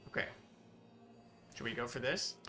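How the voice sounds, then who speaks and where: A man's voice: mid-range voice, lively intonation, moderate pace, pushed and bright, soft background music. A man leading a casual gameplay chat on a stream, upbeat and thinking aloud as he plays. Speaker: game studio head playing on a stream.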